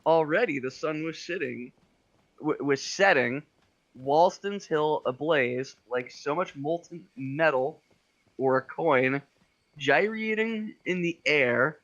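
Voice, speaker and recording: A man's voice: fairly high pitch, slow, fairly bright tone, dull audio. A man hosting a game stream, chatting casually and reading viewer fan fiction in a theatrical way, laughing often. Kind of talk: casual chat and mock-dramatic reading.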